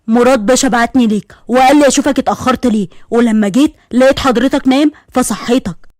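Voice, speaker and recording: A hesitant young police constable answers his superior with deference, in an Egyptian accent, as a woman storyteller puts him on. The talk is brisk and sits close and dry to the mic. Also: fairly high pitch, darkish tone, no echo, natural voice. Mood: deferential. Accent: Egyptian Arabic.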